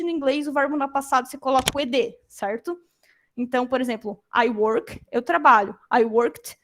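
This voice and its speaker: A young adult woman with a high voice delivers an informal lecture, animated and acting out the reactions she quotes.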